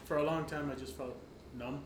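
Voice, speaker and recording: A man speaking in casual podcast chat in a flat, subdued way. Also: fairly high pitch, brisk. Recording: echoey room, clear background noise.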